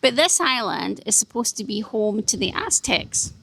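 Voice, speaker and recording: Chatty woman with a creaky voice. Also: a little high, normal speed. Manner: chatty, wry and animated. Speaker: travel vlogger. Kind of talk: casual travel vlog chat.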